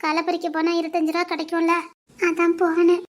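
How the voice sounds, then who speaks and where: A woman playing a shy, poor young village girl in love, speaking softly with a southern Tamil Nadu accent. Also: very high voice, monotone, a little fast. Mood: tender. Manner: soft, bashful, pleading. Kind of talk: village romance drama acting.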